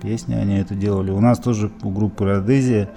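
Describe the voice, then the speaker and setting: A man's voice: fairly low pitch, steady tone, fast talker, creaky, music in the background. A man from Izhevsk, Russia, a musician being interviewed, talking in a rambling way with many fillers and restarts. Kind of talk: casual interview reminiscing.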